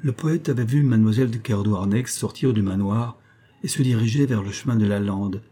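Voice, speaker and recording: A man narrating a classic short story in a measured, calm way. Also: on the low side, slightly rough. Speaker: audiobook narrator. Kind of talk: literary audiobook narration.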